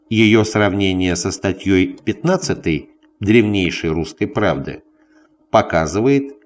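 A man reading a scholarly history text aloud in measured separate phrases, as if dictating it. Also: on the low side, a little mellow. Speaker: audiobook reader.

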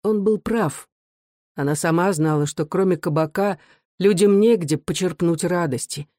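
A narrator reading a classic novel in a steady, even storytelling manner. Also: medium pitch, moderate pace, no room sound, clean studio sound. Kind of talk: audiobook narration.

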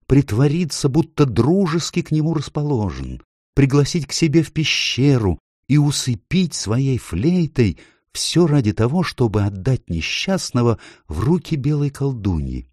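A man voicing a gentle, sorrowful male faun who sobs out his guilt in a storybook reading. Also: mid-range voice, no echo, studio quality, pitched above the performer's own voice. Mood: confessing. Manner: sobbing, mournful.

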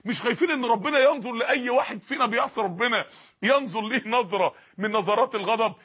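A man's voice: very high voice, fast talker, breathy edge, muffled recording. An Egyptian man preaching an emotional sermon, pleading with his listeners through repeated rhetorical questions. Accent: Egyptian Arabic.

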